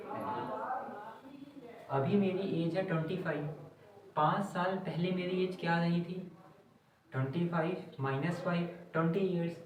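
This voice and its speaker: A male maths teacher, explaining word problems slowly and deliberately and reading phrases out word by word as he writes. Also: a little high. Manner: slow, deliberate, reads English phrases word by word while writing on a board. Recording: echoey distant classroom recording, dull and lo-fi.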